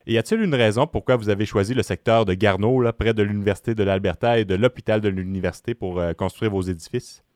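A man conducts a news interview. His voice sits fairly low, and the recording is very dry with no room sound around him. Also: fast talker, hardly any pauses, a little mellow, no echo. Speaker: radio interviewer.

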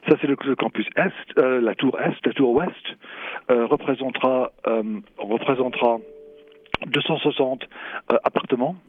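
A man in answers interview questions haltingly, searching for words and repeating himself. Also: mid-range voice. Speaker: property developer, executive interviewee. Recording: thin phone-like sound.

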